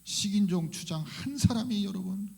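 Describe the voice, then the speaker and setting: A male pastor giving a fervent, animated sermon in church, often crying out hallelujah and questioning the congregation. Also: high voice, moderate pace, gravelly, breathy edge. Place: church sanctuary.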